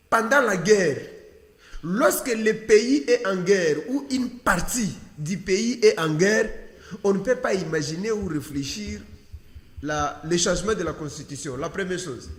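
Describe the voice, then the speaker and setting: A political panel guest with a Congolese accent answers in an emphatic, teaching tone, posing rhetorical questions. His high-pitched voice is animated yet unhurried. The interview was recorded in an echoey hall-like room with long reverb.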